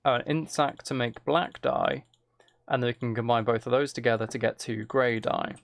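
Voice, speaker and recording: With a gravelly, steady, medium-pitched voice at a moderate pace, this gaming streamer offers casual commentary, musing and hesitantly planning his moves out loud. Faint noise plus the typing and clicking of a keyboard and mouse fill the background.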